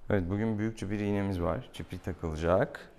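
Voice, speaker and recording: In his clinic video, a man who works as a vet chats playfully with viewers and an animal patient in a small exam room, teasing it with affection. His fairly low, darkish voice holds a steady tone and moves fairly quickly, with clear room noise in the background.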